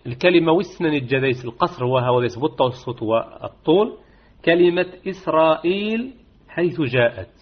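A man teaching Quran recitation rules in an online lesson. He repeats key words and draws them out slowly to demonstrate them. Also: medium pitch, highs cut off. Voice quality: husky.

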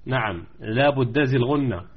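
A man teaching Quran recitation rules in a live online lesson, repeating points slowly and chanting verses. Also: mid-range voice, breathy edge, dull audio.

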